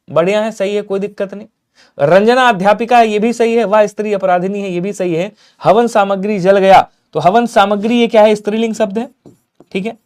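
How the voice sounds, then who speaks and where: High-voiced man teaching Hindi grammar. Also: clear, resonant tone. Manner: emphatic, repeats answers, checks in with students. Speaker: exam prep teacher. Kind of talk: live online Hindi grammar class.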